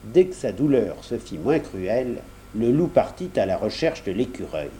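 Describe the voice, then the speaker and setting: A man's voice: medium pitch, very animated, normal speed, dark tone, slight background noise. A man reading a children's story aloud, addressing the young listener directly and explaining as he goes.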